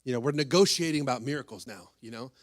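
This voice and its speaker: A man preaching a sermon as pastor. He talks in an animated way, acts out the voices of the disciples and keeps checking in with "right?" and "okay?". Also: medium pitch, quick pace. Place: church sanctuary. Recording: long hall reverb.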